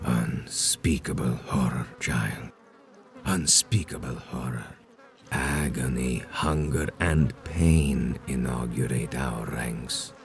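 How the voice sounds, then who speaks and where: An actor playing an ancient, cold vampire sect leader in a video game, speaking in a solemn, grandiose, deliberate way. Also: male voice, extremely low pitch, vocal fry, heavily acted. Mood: grave menace. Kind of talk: dramatic video game villain dialogue.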